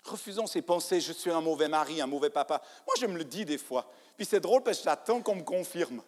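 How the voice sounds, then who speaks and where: A man preaching a sermon in a church, animated, acting out people's inner voices and swinging from hushed to loud. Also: on the high side, fairly quick. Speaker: pastor. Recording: church hall reverb.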